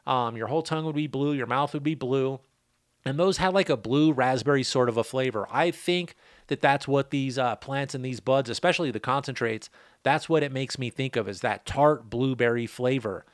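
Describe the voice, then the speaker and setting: A man's voice: medium pitch, moderate pace, no room sound, clean studio sound. A middle-aged man hosting a podcast in a casual, rambling chat, full of loose asides and jokes. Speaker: podcast host, cannabis grower.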